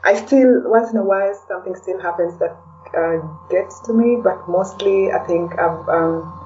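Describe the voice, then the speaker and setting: Heard with a little hiss or hum, the woman from Kenya answers in a casual interview at a moderate pace, her medium-pitched voice warm and her Kenyan accent clear. "You know" crops up often, and the audio feels distant and slightly dull.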